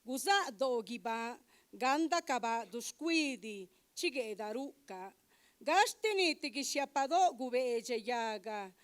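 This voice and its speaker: A woman reading a poem aloud slowly and deliberately at a public recital. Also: on the high side, expressive. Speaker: poetry reader. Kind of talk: recited poetry. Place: legislative chamber event.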